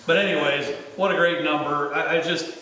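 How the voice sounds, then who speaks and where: A man with a slightly high voice hosts a casual livestream, rambling and doubling back on his phrases. He sounds distant from the mic in a big echoing space. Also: fairly even intonation, moderate pace, pushed and bright. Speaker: show host. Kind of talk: casual chat hosting a livestream tasting. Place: unfinished basement with bare floor. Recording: big hall echo, distant mic, faint noise.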